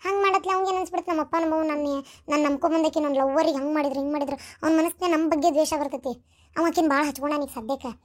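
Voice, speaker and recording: A woman voicing a sharp-tongued older village mother-in-law in a cartoon family comedy, with a North Karnataka Kannada accent and a blunt, scolding way of talking. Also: high voice, fairly even intonation, very fast, natural voice. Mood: scheming.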